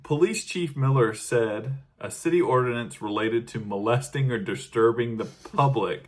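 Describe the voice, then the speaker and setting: A man's voice: mid-range voice, moderate pace. A man co-hosting a casual comedy podcast, reading news clippings aloud with dry, wry asides. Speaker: podcast co-host.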